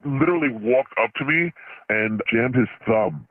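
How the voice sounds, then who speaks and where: A man's voice: medium pitch, lively intonation, normal speed, dry recording. A man calling in anonymously through a voice changer, telling a story hesitantly with fillers. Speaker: anonymous caller confessing a story. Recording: phone-like, narrow-band voice.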